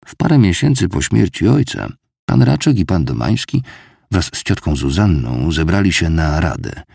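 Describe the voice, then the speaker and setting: A man reading an audiobook as narrator in a measured storytelling manner. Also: low voice, very animated, gravelly, darkish tone, breathy edge, dry recording, studio quality. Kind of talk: scripted narration.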